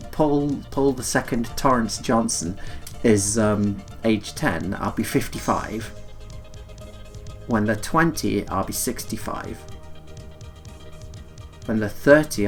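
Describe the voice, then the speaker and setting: A man's voice: mid-range voice, slow, faint music behind. A man in his forties chatting casually on a stream, wry and rambling with hesitant restarts. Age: 40s. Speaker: stream host. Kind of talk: casual chat.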